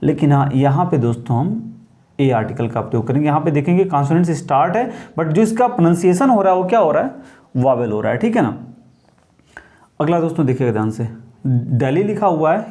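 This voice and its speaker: Lively man teaching grammar. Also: a little high, fairly quick, pauses often. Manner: lively, addresses viewers as friends, many rhetorical questions. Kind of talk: Hindi-English grammar lesson.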